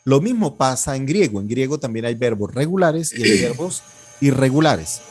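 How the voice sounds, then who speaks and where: A man leads an online Koine Greek lesson, his voice sitting at an ordinary pitch. He talks patiently and methodically, repeating words so students can follow and echo them. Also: very animated, normal speed, a little mellow, faint music behind. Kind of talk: online class, drilling pronunciation and explaining grammar.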